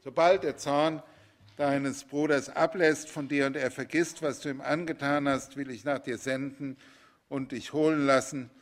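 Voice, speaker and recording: A man voicing a worried mother who urges her younger son to flee, reciting slowly in biblical style. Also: mid-range voice, fairly even intonation, close to an everyday voice. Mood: urgent. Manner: urgent, slow biblical recitation.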